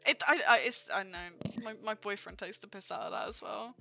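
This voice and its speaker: A woman's voice: medium pitch, a little fast, vocal fry, pushed and bright. A young woman chatting casually as a podcast co-host, stammering through restarts and using slang. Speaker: podcast co-host, channel moderator. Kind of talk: casual chat.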